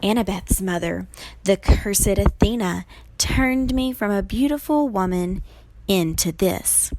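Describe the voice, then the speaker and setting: A woman's voice: mid-range voice, animated, takes it slowly, darkish tone, no room sound. A woman voicing a sinister grandmotherly monster in a storybook, falsely sweet and coaxing, with a vengeful snarl underneath. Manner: coaxing purr that breaks into snarls.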